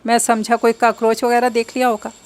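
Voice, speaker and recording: A woman's voice: fairly high pitch, completely flat delivery, fairly quick, close to an everyday voice. A woman reading an audiobook, voicing a teasing, easygoing older brother.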